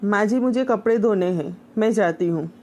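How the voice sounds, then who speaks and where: A woman voicing a dutiful young daughter-in-law who answers calmly and politely. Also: mid-range voice, moderate pace, close to an everyday voice. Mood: patient. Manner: calm, polite replies.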